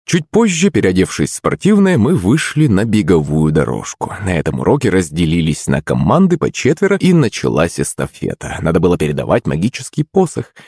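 A man narrating a first-person fantasy audiobook in an expressive storytelling manner. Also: deep voice, fairly quick, hardly any pauses, husky, no room sound, clean studio sound.

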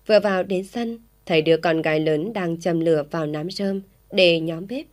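A woman narrating a village story in a steady, even storytelling manner. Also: on the low side, normal speed.

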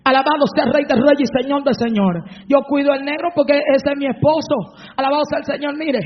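A woman preaching a fervent sermon, breaking into shouted praise, on a dull lo-fi recording. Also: high voice, long reverb tail.

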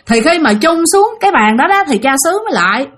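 A woman's voice: high voice, very animated, fast, fairly bright tone. A woman with a Southern Vietnamese accent telling a ghost story, chatty and speaking straight to her listeners. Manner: chatty, addresses listeners directly.

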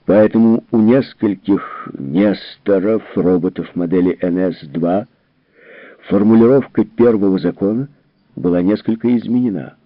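Casting: a man as a troubled general, low and earnest, audiobook reading, tinny and dry. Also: a little slow, no room sound, natural voice. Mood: worried. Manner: earnest, explanatory. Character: worried, troubled middle-aged male general. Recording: tinny narrow-band recording.

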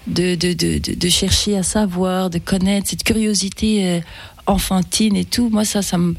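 A woman singer who is a native Fula speaker talks in a casual interview, hesitant and often restarting or repeating her words. Her voice is fairly low, steady, and creaky at a normal pace, on a dry recording.

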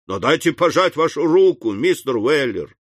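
Stretch out your words, high and wheedling, gushing with fake tears; keep the swings wide and the sound close and dry. A man playing a sly hypocrite. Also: big pitch swings, dry recording. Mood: gushing, fawning. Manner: gushing, drawn-out and plaintive.

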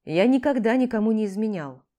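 A woman's voice: on the low side, expressive, unhurried, warm tone. Woman reading a cocky, teasing young man. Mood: earnest. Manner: playful, provocative banter. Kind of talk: audiobook character reading.

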